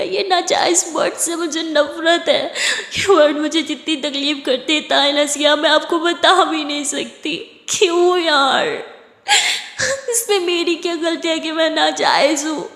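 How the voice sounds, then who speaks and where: A woman's voice: high voice, a bit bright. A woman voicing a tearful, hurt young woman who pleads through sobs, in a spoken story. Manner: sobbing, pleading. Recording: roomy echo, long reverb.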